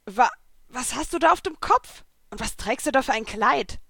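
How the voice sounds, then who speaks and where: A woman's voice: a little high, moderate pace, fairly bright tone, no echo, studio quality, natural voice. A woman voicing a brash, impulsive young male fighter in a storybook reading, talking bluntly. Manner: blunt and puzzled. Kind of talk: audiobook fan fiction reading.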